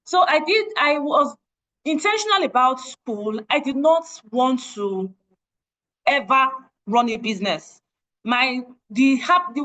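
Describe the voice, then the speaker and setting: A woman's voice: sits high, a bit bright, rough recording. A young Nigerian woman giving a personal testimony at an online meeting, earnest and repeating phrases for emphasis. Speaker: guest speaker.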